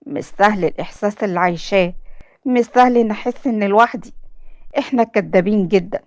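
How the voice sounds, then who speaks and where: A woman's voice: medium pitch, fairly quick, a little mellow, no room sound, clean studio sound. Heartfelt young woman with an Egyptian accent. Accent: Egyptian Arabic. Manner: emotional, heartfelt. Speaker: storyteller. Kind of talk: first-person dramatic story narration.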